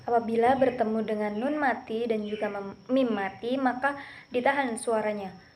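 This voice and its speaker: A young woman explaining how Arabic letters are pronounced for Quran recitation, drilling syllables slowly and carefully, with the examples louder than her explanation. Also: on the high side, steady tone.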